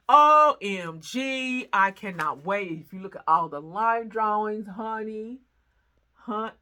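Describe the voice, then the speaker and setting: A middle-aged woman from the American Midwest, chatting excitedly to camera as a sewing vlogger, gushing and quick with asides. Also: medium pitch. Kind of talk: casual chat to camera.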